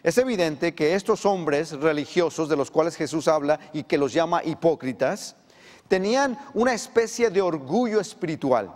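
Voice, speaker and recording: High-voiced preacher in a reverberant church. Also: male voice, normal speed. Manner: animated preaching, voice climbs for emphasis. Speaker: pastor. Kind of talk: sermon. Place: church sanctuary.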